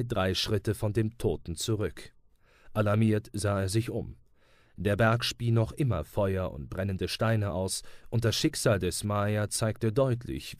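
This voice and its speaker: A man narrating an adventure audiobook with steady, dramatic storytelling. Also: fairly low pitch, no room sound, clean studio sound. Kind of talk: audiobook reading.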